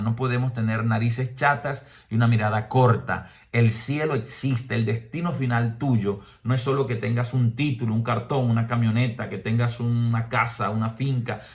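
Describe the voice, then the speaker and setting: A man's voice: fairly even intonation, moderate pace, few pauses. Man preaching an emphatic homily. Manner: preaching with emphatic rhetorical questions; mimics people in higher voices. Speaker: priest.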